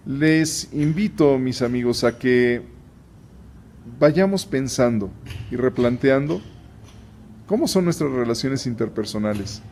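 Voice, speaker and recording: Male host for a casual Bible-teaching show. Mid-pitched, chatty, restarts sentences often, with a faint hiss under the voice. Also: darkish tone. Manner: chatty, frequent restarts and asides to viewers. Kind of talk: conversational Bible teaching to viewers.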